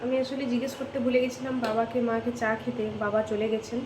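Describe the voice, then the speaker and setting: Woman vlogger, West Bengal accent, high voice, chatty and direct to camera, home kitchen. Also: fairly even intonation, fast, noisy background. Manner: chatty, talks straight to viewers. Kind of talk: casual home vlog.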